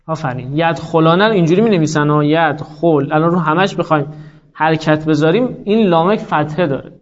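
Higher-voiced male teacher lecturing. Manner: explains patiently, quizzes students, stretches quoted words. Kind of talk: classroom lecture on grammar. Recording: muffled lo-fi classroom recording.

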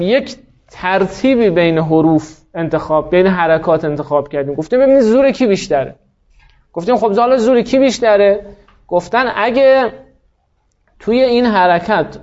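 A man teaching a class, explaining grammar rules step by step, asking the students questions and then answering them himself. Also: high voice. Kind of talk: classroom lecture on Arabic spelling. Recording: dull lo-fi sound.

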